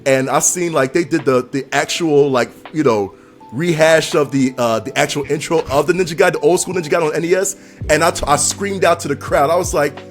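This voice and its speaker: A man's voice: on the high side, fairly quick, faint music behind. A man as a podcast guest in casual chat, talking in a laid-back, slangy way with lots of fillers.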